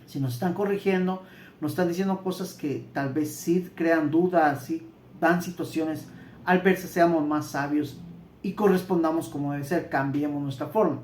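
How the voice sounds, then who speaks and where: A man's voice: on the high side, normal speed, darkish tone, a little hiss or hum. A man with a Central American Spanish accent, teaching the Bible in an earnest, conversational way and often repeating words. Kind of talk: Bible teaching sermon with personal testimony. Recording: roomy echo.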